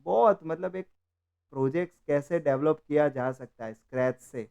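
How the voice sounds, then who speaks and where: A man's voice: a little high, moderate pace, creaky, a little mellow, clear, resonant tone, rough recording. A man who runs a coding course, explaining his training while walking through projects on his screen. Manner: persuasive, explaining. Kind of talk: screen-share walkthrough.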